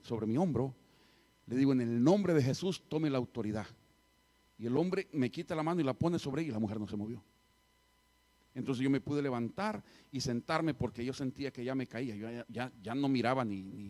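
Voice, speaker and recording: A middle-aged pastor with a medium-pitched voice preaches a sermon, telling a story and moving between loud passages and quiet ones.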